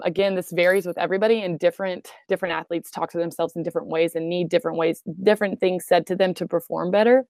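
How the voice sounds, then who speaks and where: Woman in sports psychology, conversational, slightly low pitch, dry close sound. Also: no room sound. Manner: chatty, frequent "um" and "right?". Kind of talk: conversational explanation.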